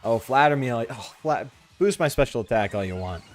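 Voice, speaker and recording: With music running behind him, a man livestreams a game and chats casually, talking like a frat bro who keeps saying "bro" and "dude." His mid-range voice has lively intonation and a slightly fast pace, recorded close-miked with no room sound.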